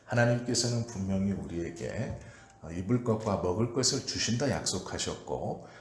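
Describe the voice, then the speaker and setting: A male pastor preaching an early-morning prayer sermon in a calm, measured way, pausing often with "uh". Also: deep voice. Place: church sanctuary. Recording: echoey church room with faint ambient noise.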